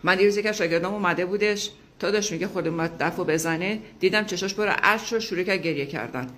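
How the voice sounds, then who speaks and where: A woman's voice: fairly low pitch, a bit bright, a little hiss or hum. A woman giving a motivational talk, speaking emphatically and asking her listeners rhetorical questions.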